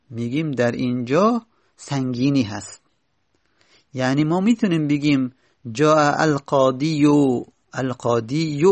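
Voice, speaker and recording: Man, grammar teacher, patient step-by-step lesson, repeats key points, gravelly voice, dry close sound. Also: medium pitch, no echo.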